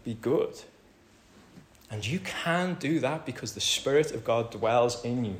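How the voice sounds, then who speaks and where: A British man delivers a chatty sermon to his congregation, calling them "folks". His voice rises to loud emphatic lines, then drops to soft, quiet asides. It rings through a roomy church hall over a faint background hum. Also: mid-range voice, expressive, unhurried. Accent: British English. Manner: conversational preaching, calls the congregation "folks". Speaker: pastor.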